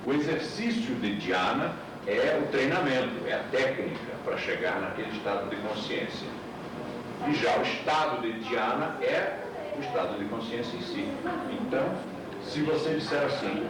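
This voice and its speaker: A man's voice: medium pitch, animated, normal speed. A man teaching a class, explaining patiently and asking rhetorical questions, heard from an old VHS tape recording. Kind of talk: classroom lecture. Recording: echoey, distant, hissy old VHS tape.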